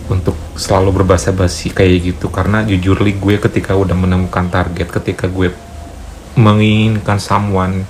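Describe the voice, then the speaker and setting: A man's voice: low-pitched, a little hiss or hum. A young man casually telling a personal story to viewers, chatty and playful. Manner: chatty, animated retelling with playful asides. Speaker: storyteller vlogger.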